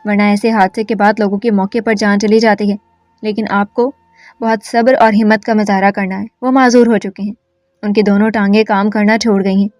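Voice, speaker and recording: A woman voicing a calm, serious doctor delivering hard news in a story narration. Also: medium pitch, dry recording, studio quality, faint music behind, lightly acted. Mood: grave.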